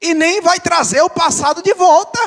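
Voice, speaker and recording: A man's voice: very high voice, moderate pace, fairly bright tone. A man preaching a fervent sermon to a church congregation, addressing them as brothers, his voice swinging up and down. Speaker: pastor. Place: church service.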